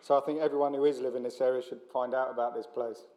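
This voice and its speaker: A man's voice: medium pitch, fairly even intonation, very fast, dark tone. A middle-aged man with a South London accent preaching in a chatty, joking, blokey and self-deprecating way, as a visiting speaker. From South London, England. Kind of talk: informal sermon to a church meeting.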